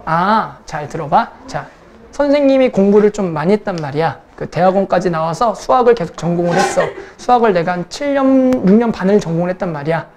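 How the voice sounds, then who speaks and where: A woman's voice: on the low side, lively intonation, brisk, noisy background. A young woman math teacher lecturing a class, casual and teasing, who keeps checking in with her students.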